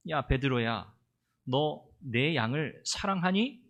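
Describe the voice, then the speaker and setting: A man's voice: mid-range voice, lively intonation, slow, a bit bright, heavily acted. A male pastor voicing a risen teacher who questions a disciple with blunt, casual questions. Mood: questioning.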